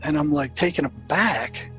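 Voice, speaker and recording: A man recalls his years as a prison therapist in a storytelling way. He stumbles often, repeating words and restarting his sentences. His voice sits a little high, and soft music plays faintly underneath. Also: normal speed, poor audio. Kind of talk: storytelling recollection.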